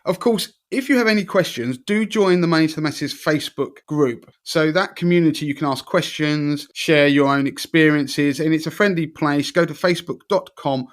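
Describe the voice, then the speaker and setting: Male finance podcast host, fairly high voice, chatty and explanatory. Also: moderate pace, few pauses. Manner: conversational, explanatory. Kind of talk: casual podcast chat.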